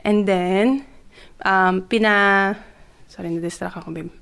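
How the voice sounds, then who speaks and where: A young woman with a smooth, clear voice at an everyday middle pitch. She tells a personal story in a loose, chatty vlog, switching between Tagalog and English with plenty of fillers, and she gets more excited as she goes. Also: takes it slowly. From Philippines. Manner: grows excited as she retells. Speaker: vlogger. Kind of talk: casual personal testimony.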